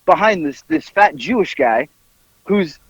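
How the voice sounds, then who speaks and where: A man telling a story on a podcast, acting out the people in it with sudden high yelps. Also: very animated, unhurried, vocal fry, a bit bright, breathy edge, no echo. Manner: acts out quoted voices with big jumps up into yelps. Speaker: podcast host telling stories. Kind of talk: animated storytelling. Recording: dull lo-fi dry sound.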